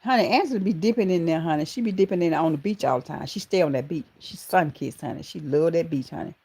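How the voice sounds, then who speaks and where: In a deep, breathy voice at a quick pace, a Southern-accented Georgia woman hosts a casual livestream. She greets viewers by name and lovingly calls them baby and honey, punctuating it all with animated exclamations.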